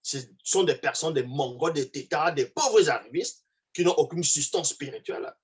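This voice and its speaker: Husky-voiced man preaching a heated Bible critique. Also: fairly high pitch, moderate pace. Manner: preachy, emphatic, cites verses, swings from loud to hushed. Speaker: online religious commentator. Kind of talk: polemical scripture commentary.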